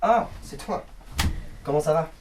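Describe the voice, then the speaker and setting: A man playing a friend who speaks with relaxed irony and a theatrical touch. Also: fairly high pitch, a little slow, noisy background, lightly acted. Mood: wry. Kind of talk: amateur short film acting.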